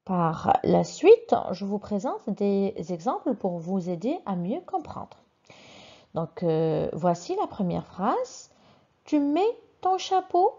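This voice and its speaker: A woman teaching a simple grammar lesson, patiently reading each example sentence twice with clearly marked question intonation. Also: mid-range voice, dark tone, dull audio. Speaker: French teacher.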